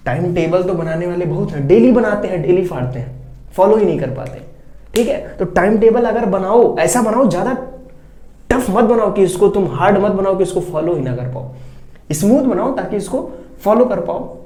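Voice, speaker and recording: A teacher talks students through exam preparation in a relaxed, classroom-style way, keeping it direct and checking in every few sentences. The voice is soft and mellow. It sounds like an echoey room. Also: mid-range voice, moderate pace. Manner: keeps checking in with "ठीक है", direct and advising. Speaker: teacher giving board exam tips. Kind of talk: casual classroom-style talk.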